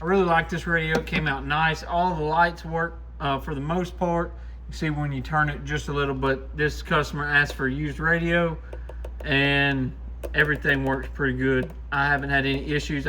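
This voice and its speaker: With a high, bright and forceful voice, the host of a repair shop channel narrates a hands-on demo. He keeps it casual and plain-spoken, and the shop recording carries clear noise.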